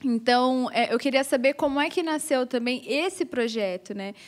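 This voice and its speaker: A woman hosting a podcast, asking a guest friend questions in a relaxed, halting way with restarts. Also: high voice. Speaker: podcast host. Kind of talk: casual interview chat.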